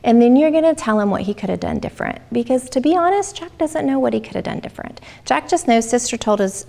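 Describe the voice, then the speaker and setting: A woman's voice: on the high side, creaky, darkish tone. A middle-aged woman, a child development specialist giving a chatty parenting workshop to a live group. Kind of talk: informal workshop talk. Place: room with a live audience.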